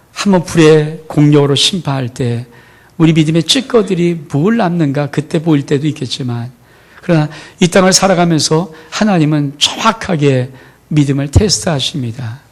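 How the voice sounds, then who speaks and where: A male pastor preaching a sermon in a dramatic way, swinging between loud outbursts and hushed words. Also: on the high side, expressive, normal speed.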